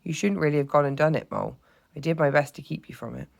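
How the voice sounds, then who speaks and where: A reader voicing a brave, good-natured male water rat in a storybook read-aloud, brisk and reassuring. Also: mid-range voice, creaky, close to an everyday voice.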